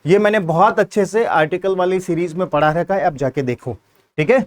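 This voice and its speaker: A man's voice: high voice, a little fast. A man with a Hindi accent teaching an exam-prep grammar lesson, explaining step by step and asking questions that he then answers himself.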